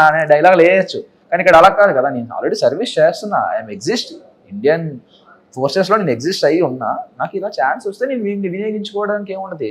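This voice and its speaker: A man from India, a serving soldier, talking earnestly as an interview guest and slipping English phrases into his speech. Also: on the high side. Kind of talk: casual interview talk.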